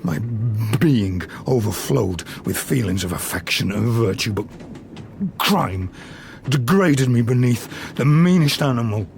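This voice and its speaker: An actor playing a grieving, lonely monster in a gothic audio drama, eloquent, bitter and anguished. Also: male voice, mid-range voice, expressive, a little slow. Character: grieving, bitter, lonely male monster, creature made by man. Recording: clear background ambience noise.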